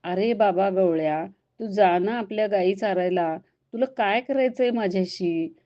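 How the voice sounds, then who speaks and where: A woman's voice: medium pitch, measured pace, mellow, lo-fi sound, close to an everyday voice. A woman voicing an old blind male ascetic who grumbles and complains in a pleading, tearful way. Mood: irritated.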